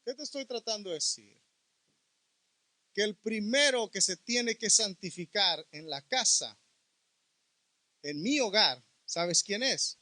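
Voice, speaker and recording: Male preacher, piercing bright tone, emphatic delivery. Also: sits high, expressive, takes it slowly, long pauses, dry recording. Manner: emphatic, rising to near shouts on key words. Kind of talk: sermon.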